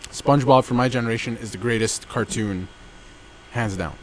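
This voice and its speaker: A man in his twenties co-hosts a casual podcast, rambling along with lots of fillers and restarts. His voice sits at medium pitch and moves at a moderate pace. It was recorded outdoors under a backyard gazebo, with slight background noise.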